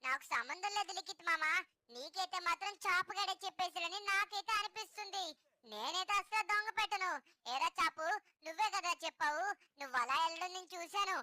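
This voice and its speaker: A woman's voice: very high voice, brisk, sharp tone, no room sound, studio quality, full character voice. A performer voicing a childlike robot cat who whines and accuses his friends in a cartoon-style game dub. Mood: accusing. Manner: accusing, whiny, argumentative.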